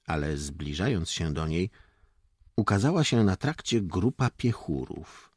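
Slow, husky male audiobook narrator. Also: low voice, big pitch swings, a little mellow, no room sound, clean studio sound. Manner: slow, deliberate reading that acts out the dialogue.

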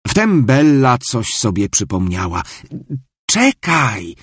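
A man reading a children's story aloud with expressive, storytelling delivery. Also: lowish voice, measured pace, husky, no echo, studio quality. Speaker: narrator.

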